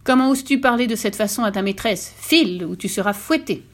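A woman's voice: mid-range voice, a little fast, natural voice. A woman reading a storybook and voicing a greedy, domineering old peasant wife with a harsh, commanding voice. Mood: scornful.

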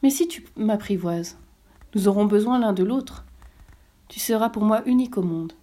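A woman voicing a wise, gentle fox in a storybook reading, calm and measured as it explains. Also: mid-range voice, lightly acted. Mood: explaining.

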